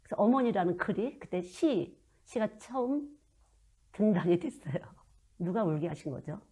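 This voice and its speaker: A woman in her fifties preaching a sermon and telling stories from her own life, moving between loud emphasis and hushed asides. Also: mid-range voice, expressive, normal speed, husky. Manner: storytelling, swings from loud to hushed. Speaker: children's missionary preacher.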